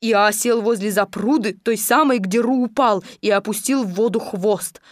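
A woman reads a children's story aloud at an even, expressive pace. Her voice sits in a middle range and is recorded close and dry. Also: mid-range voice, normal speed, no room sound. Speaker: narrator.

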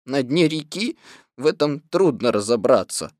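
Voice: mid-range voice, sing-song, a little mellow, no room sound, studio quality, natural voice. A reader voicing a gloomy, grumbling old male donkey in an audiobook. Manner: slow, glum, long-winded. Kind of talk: audiobook reading.

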